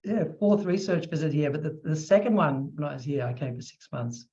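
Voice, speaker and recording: A middle-aged man hosting an interview podcast, chatty and animated, acting out little quotes as he talks. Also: a little high, a little fast. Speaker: podcast host. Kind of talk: casual interview chat. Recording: dull lo-fi sound.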